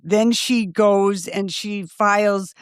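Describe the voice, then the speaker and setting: A woman's voice: medium pitch, fairly even intonation, slow pace, clear, resonant tone, no echo. Woman co-host dishing celeb gossip, blunt and cheeky, dry close sound. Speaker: podcast co-host. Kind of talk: casual chat.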